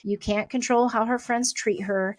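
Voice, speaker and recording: A middle-aged woman hosting a parenting podcast, giving a chatty, encouraging pep talk and talking things through out loud. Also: fairly high pitch, fairly even intonation, moderate pace, dry recording, clean studio sound.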